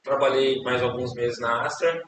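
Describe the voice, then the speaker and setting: On a podcast, a young Brazilian guest tells his life story in a loose, rambling way, often repeating words and ending with tag questions. He speaks at medium pitch and moderate pace. It's recorded in an echoey room from a distant mic, with hiss.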